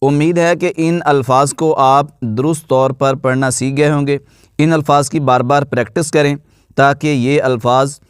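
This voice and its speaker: A man with an Urdu accent teaches Quran recitation, slowly spelling out each letter and vowel mark, then explaining the rules at a faster clip. His medium-pitched voice sounds clean, with studio quality and no echo.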